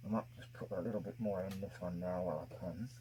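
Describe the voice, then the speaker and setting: A man's voice: low voice, fairly even intonation, quick pace, warm tone, slight background noise. A man narrating a casual hands-on craft tutorial, his voice muffled by a face mask over his mouth, explaining things step by step. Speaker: craft video host.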